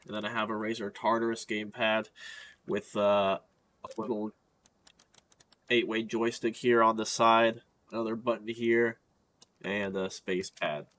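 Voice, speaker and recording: A man with a cold and a stuffed-up nose, explaining a gaming setup in a casual, halting walkthrough with frequent fillers. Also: fairly low pitch, sharp tone, a little hiss or hum.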